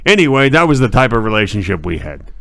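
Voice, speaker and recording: A man co-hosting a comedy stream, telling rambling absurd stories in a deadpan way. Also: fairly low pitch, quick pace, gravelly, no echo. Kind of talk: improvised comedy banter.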